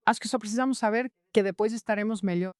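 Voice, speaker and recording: On a podcast, a female Enneagram teacher explains personality types patiently, bringing in real cases and acting out quotes. Her medium-pitched voice moves fast, recorded with clean studio sound and no room ambience.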